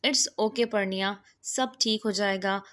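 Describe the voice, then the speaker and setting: A woman's voice: medium pitch, fairly even intonation, close to an everyday voice. A woman reading as a reassuring young friend. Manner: reassuring, gentle. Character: comforting young female friend.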